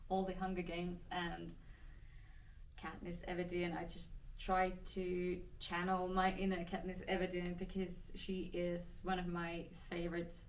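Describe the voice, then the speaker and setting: A woman's voice: on the low side, completely flat delivery, a little slow, distant mic, slight background noise, low-quality recording. A woman from Finland with a Finnish accent, answering Q&A questions in a chatty, hesitant way with many restarts. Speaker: actress. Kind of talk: casual Q&A answers.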